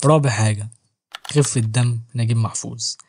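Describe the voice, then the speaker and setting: A man's voice: mid-range voice, steady tone, moderate pace, background noise. A man with an Egyptian Arabic accent reviewing a novel in a joking, slangy, self-mocking way. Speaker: book reviewer and channel host. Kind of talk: casual book review vlog.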